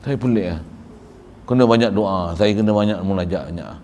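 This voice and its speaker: Tearful preacher in a reverberant hall. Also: male voice, fairly low pitch, a little fast, a little hiss or hum. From Malaysia. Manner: fervent, pleading, drops to soft prayers. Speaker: religious teacher. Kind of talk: devotional sermon.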